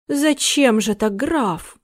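A woman voicing a superstitious male butler, a former captain, hoarse and indignant in an audiobook. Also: animated, normal speed, a little mellow, lightly acted. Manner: indignant, raised pitch.

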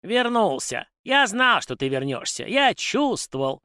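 A man voicing a tiny, fussy male house spirit who chatters in a squeaky, excited way. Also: measured pace, clear, resonant tone, no echo, studio quality, full character voice.

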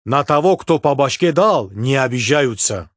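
Man doing a calm laconic man from Baku, Azerbaijani accent, higher-pitched, unhurried, storybook. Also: dry recording, studio quality, natural voice. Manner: terse, unhurried, broken phrasing.

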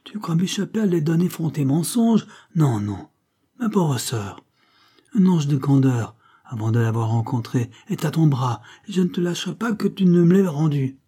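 A man voicing an excitable male poet-policeman disguised as an old painter, shouting theatrical accusations. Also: fairly high pitch, normal speed, slightly rough, pitched above the performer's own voice. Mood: indignant. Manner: loud, indignant, theatrical outbursts.

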